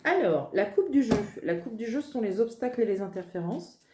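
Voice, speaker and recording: A woman's voice: on the high side, very animated, a little fast, mellow. A woman, a medium giving a casual, chatty card reading at her desk, joking at her own expense. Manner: chatty, self-mocking, laughs at herself. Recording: roomy echo.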